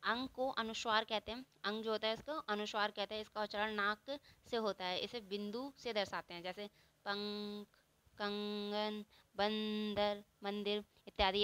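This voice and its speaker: Clear-voiced woman teaching a grammar lesson. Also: medium pitch, fairly bright tone, dry recording. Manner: explains step by step, asks and answers her own questions; drawn-out example sounds. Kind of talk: spoken Hindi grammar lesson.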